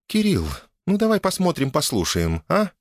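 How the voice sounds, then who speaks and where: A man's voice: on the high side, huge pitch swings, moderate pace, dry recording, studio quality, pitched above the performer's own voice. A man reading an audiobook, voicing a haughty young noblewoman who speaks in a purring, imperious way, in a raised voice. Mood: coaxing.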